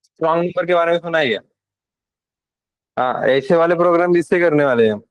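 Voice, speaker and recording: A young man lectures a class, mixing terms into his talk and checking often that students follow. His voice sits a little high, and the recording is dry and close. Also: fast talker, clear, resonant tone, no echo, highs cut off. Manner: asks the class questions, mixes in English. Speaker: teacher.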